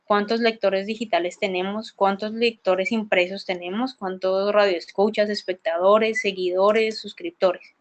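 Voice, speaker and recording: A woman's voice: medium pitch, steady tone, measured pace, few pauses. Hesitant woman presenting at a conference. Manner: hesitant, repeats words and restarts often; asks listeners for agreement with tag questions. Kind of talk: explanatory presentation talk.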